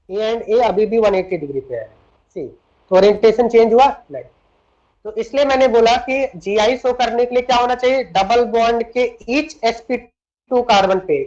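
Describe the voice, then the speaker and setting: A man's voice: high voice, darkish tone. Man, chemistry teacher, classroom lecture, Hindi-English mix, asks students questions, muffled lo-fi sound. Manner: explains step by step, keeps asking students questions. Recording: dull lo-fi recording.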